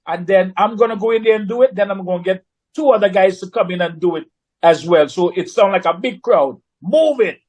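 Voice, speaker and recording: A man with a notably high speaking voice tells a story in a relaxed, conversational way. He is animated and slips into other people's voices when he quotes them. He sounds middle-aged. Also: poor audio. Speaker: recording artist guest. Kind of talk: casual storytelling.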